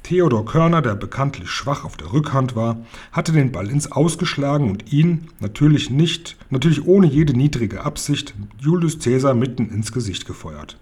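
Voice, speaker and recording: A man reading a children's novel aloud in a relaxed way, with small slips and his own asides. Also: mid-range voice, normal speed, breathy edge. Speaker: reader of a children's book.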